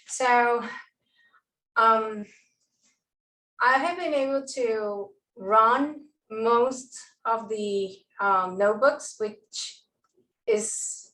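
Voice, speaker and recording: A woman with a somewhat high voice asks a course instructor questions over an online call. She talks slowly and carefully, sitting back from her mic in an echoey room. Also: fairly bright tone. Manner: slow, careful, measured. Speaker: course participant asking questions. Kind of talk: online office hours question. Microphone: video call. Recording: roomy, distant from the mic.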